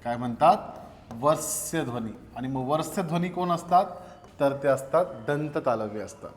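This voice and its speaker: A man's voice: medium pitch, normal speed, slight background noise. Guy teaching grammar to a class, keeps repeating stuff back to students, voice rings around a big echoey room. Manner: asks questions and answers them himself, repeats terms.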